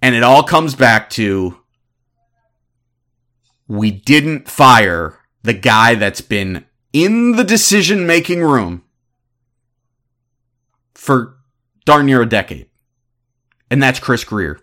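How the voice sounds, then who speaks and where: A man in his thirties giving opinionated sports commentary as a podcast host, ranting in an animated, exasperated way. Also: mid-range voice, takes it slowly, pauses often. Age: 30s.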